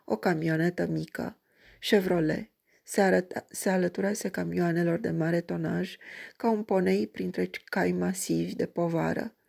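A woman reading a crime story aloud in an even, measured way. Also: fairly low pitch, gravelly. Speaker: audiobook reader.

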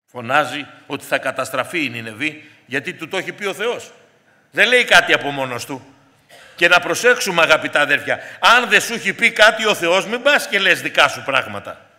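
A man's voice: a little high, sing-song, bright, forceful tone. A man preaching a sermon in an earnest way, often calling out to his congregation as dear brothers and sisters. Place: church hall. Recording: long hall reverb.

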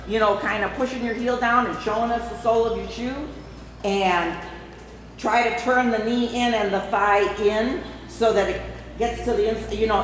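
Through a distant mic, a woman with a slightly high, fairly bright voice can be heard instructing a horse rider live. She calls out brief commands and keeps repeating them. The large indoor riding arena creates heavy echo and reverb, with faint noise underneath.

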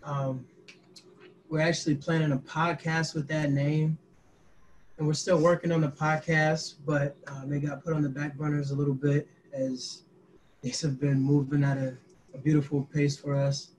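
A man in his twenties, speaking from a small room into a laptop mic on a video call. His voice sits a bit high and stays level in pitch. He tells a story haltingly, with many fillers, and faint noise sits under his voice. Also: level tone, a little mellow, poor audio. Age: 20s. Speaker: youth activist guest. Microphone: laptop webcam mic, group on one call.

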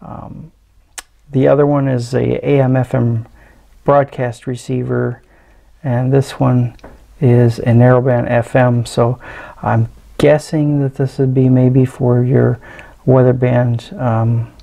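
A middle-aged man, an electronics hobbyist, gives casual commentary while tearing something down at a tabletop indoors. His medium-pitched voice is mellow with some fry, and his unscripted delivery is flat, hesitant and halting.

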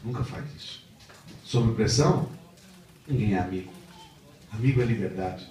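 Brazilian guy preaching, heartfelt story, really echoey chapel, mic far off. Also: medium pitch. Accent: Brazilian Portuguese. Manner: heartfelt storytelling, rising to animated emphasis. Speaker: missionary preacher. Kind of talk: sermon with personal testimony.

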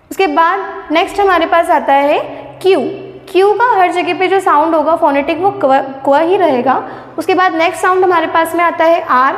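A woman teaching an English phonetics lesson, explaining step by step and often asking rhetorical questions. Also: very high-pitched. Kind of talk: classroom lesson on phonetic sounds. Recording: echoey room with long reverb.

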